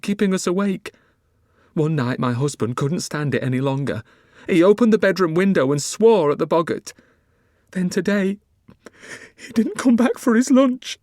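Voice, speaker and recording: A man reading aloud voices a desperate young farmer's wife, pitching his voice high and strained with grief. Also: a little mellow, no room sound, clean studio sound.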